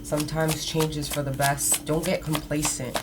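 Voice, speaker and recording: Low-voiced woman giving mystical horoscope reading. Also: little pitch movement, moderate pace, very noisy. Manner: casual, conversational, addressing listeners directly. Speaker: tarot card reader. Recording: loud background music. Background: music, shuffling cards.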